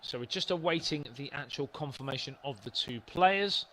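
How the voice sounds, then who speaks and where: A man's voice: on the high side, moderate pace, low-quality recording. A man commentating on a football video game tournament from a studio, giving play-by-play and lifting his voice on big plays. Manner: lively, rises on big plays. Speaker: esports commentator.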